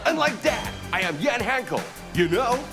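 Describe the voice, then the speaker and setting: A man's voice: very high-pitched, sing-song, moderate pace. A self-important foreign guru in a spoof infomercial. He speaks in stilted, emphatic, widely varied tones over prominent music. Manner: pompous, emphatic, stilted English. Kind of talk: parody infomercial testimonial.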